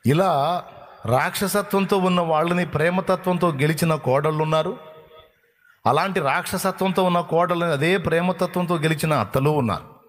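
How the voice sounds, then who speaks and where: A man's voice: on the high side, moderate pace. A male preacher giving a sermon, telling a folksy story in a vivid, emphatic way.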